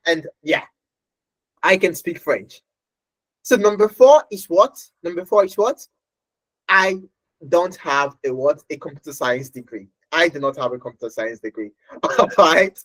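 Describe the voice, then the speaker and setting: A woman's voice: fairly low pitch, no room sound, low-quality recording. Chatty woman teaching a live online class. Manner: laughs often and checks in with "okay?". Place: home workstation.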